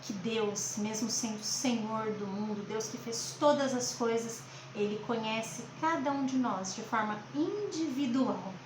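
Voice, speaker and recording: A high-pitched woman with a Brazilian accent addresses young children as a teacher and host. She keeps her explanations simple and direct. The recording has a clearly echoing room and a little background noise. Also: measured pace, few pauses. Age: late 30s to 40s. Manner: simple explanations with frequent check-in questions. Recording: roomy echo, faint background noise.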